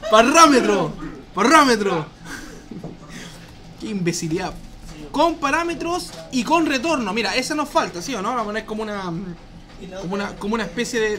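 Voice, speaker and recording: A male programming teacher with a Chilean Spanish accent, explaining casually in a live class and asking "¿ya?" after each point. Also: very high voice. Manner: slangy, chatty, asks "¿ya?" often.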